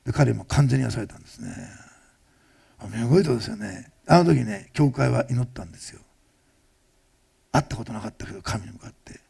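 A male pastor giving a fast-paced, conversational sermon that often turns to ask the listeners questions. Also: medium pitch, vocal fry, warm tone, breathy edge. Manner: fast-talking, admits rushing. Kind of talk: sermon testimony.

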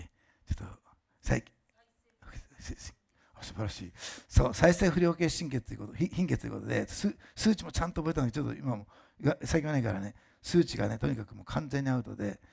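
An older male pastor giving a sermon with a personal testimony, talking fast and emphatically with chatty asides and restarts, and admitting his diction has slurred lately. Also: mid-range voice, creaky, darkish tone, breathy edge.

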